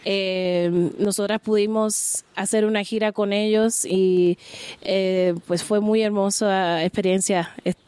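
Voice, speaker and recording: A young woman from Puerto Rico, a musician, casually talking about her band's song choices in relaxed, halting phrases. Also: mid-range voice, clear, resonant tone, no echo. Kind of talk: casual interview about the songs.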